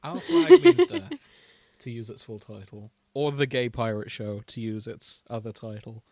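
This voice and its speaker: Very animated but measured in pace, this mellow, mid-range male voice belongs to a podcast co-host. He tells stories and chats in a casual, comic, wry, mock-serious style.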